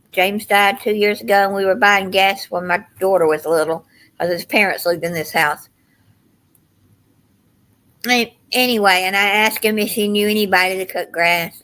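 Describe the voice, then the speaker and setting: A woman's voice: mid-range voice, a bit bright, poor audio. An older woman with a Southern US accent, chatting casually to livestream viewers in a folksy, meandering storytelling way. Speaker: livestream host.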